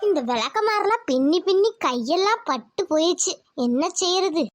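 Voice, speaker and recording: A woman's voice: very high-pitched, lively intonation, normal speed, soft background music. A woman voicing a talkative middle-aged village aunt who weaves brooms and teases her niece. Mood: teasing. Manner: teasing, talkative.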